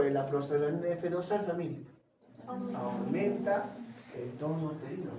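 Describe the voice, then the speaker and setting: A man giving a classroom lecture, quizzing his students with quick questions. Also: sits high. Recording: echoey room, far from mic, noisy.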